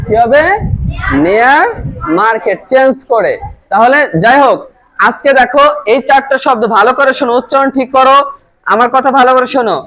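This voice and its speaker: Woman teacher with a high voice, drills phrases slowly and loudly in a classroom. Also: rough recording. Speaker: English teacher. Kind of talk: classroom lesson. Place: school classroom.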